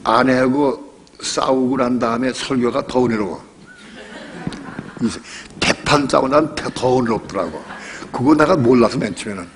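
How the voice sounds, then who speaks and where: An older male pastor preaching in a chatty, storytelling way. He drives each point home by repeating phrases and asking the room rhetorical questions, at an everyday mid pitch. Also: normal speed, a little hiss or hum. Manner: conversational preaching with rhetorical questions and personal stories. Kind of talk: sermon.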